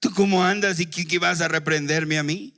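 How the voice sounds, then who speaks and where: A man's voice: a little high, fairly even intonation, normal speed, a bit bright. A man voicing a defiant demon who taunts someone. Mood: taunting. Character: mocking defiant male demon.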